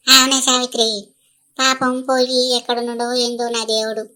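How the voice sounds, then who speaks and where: Woman putting on a squeaky old telangana granny, weepy widow, loud and wailing, bright voice. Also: little pitch movement, normal speed. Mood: mournful. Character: tearful elderly village widow grandmother.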